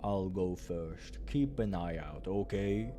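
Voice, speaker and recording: Man voicing a slow, deep, gentle beast doctor. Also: a little hiss or hum. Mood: cautious. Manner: slow, hushed, soothing delivery. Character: large gentle male beast doctor, calm and protective. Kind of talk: visual novel character voice.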